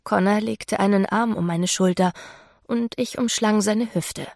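A woman narrating a novel in the first person, in a measured, intimate reading. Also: mid-range voice, steady tone, gravelly, a little mellow, no echo, clean studio sound. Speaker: audiobook narrator.

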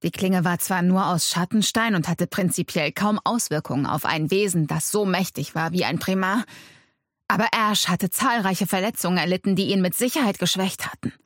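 A woman's voice: fairly low pitch, normal speed, no room sound. Woman narrator, dramatic first-person storytelling, dry close sound. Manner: dramatic, tense delivery. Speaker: audiobook narrator.

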